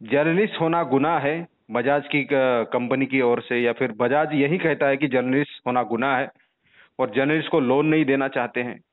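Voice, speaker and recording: In a mid-range voice at a moderate pace, a journalist phones a call centre with an indignant, insistent complaint, repeating pointed questions. The call is recorded via telephone and sounds muffled and narrow-band.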